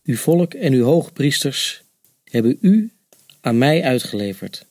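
A man's voice: medium pitch, sing-song, measured pace, a little mellow, no room sound, clean studio sound. A man voicing Pilate, a firm, questioning Roman governor, in a dramatized Bible reading.

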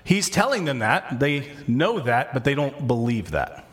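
A pastor's mid-range voice has a sing-song quality and a measured pace as he preaches. Talking through scripture in a relaxed, conversational manner, he often restarts and corrects his sentences.

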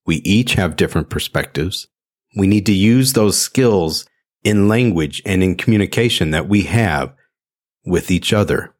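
Low-voiced man, earnest and deliberate. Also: expressive. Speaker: podcast host, interpreter. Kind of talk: scripted solo podcast talk.

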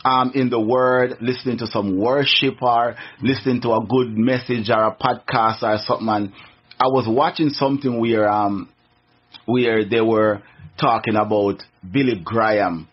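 Speaking at normal speed in a steady, medium-pitched voice with a breathy edge, a middle-aged Jamaican man shares his testimony as a radio guest. He has a Jamaican accent, his first language is Jamaican Patois, and his earnest account in this casual interview is full of restarts, captured on a muffled recording.

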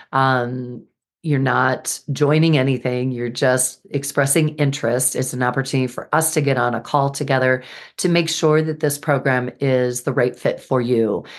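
A woman with a very deep voice, talking through a solo podcast episode. She sounds a little hoarse and squeaky after being sick, yet stays earnest and upbeat, with a few fillers here and there. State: slightly hoarse after illness. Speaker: podcast host and birth healing educator.

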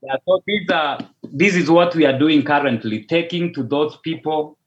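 A Kenyan pastor whose native tongue is Luo answers interview questions over a call, his fairly high voice moving at a moderate pace. He sounds hesitant, frequently repeating and restarting words. The audio is dull and lo-fi.

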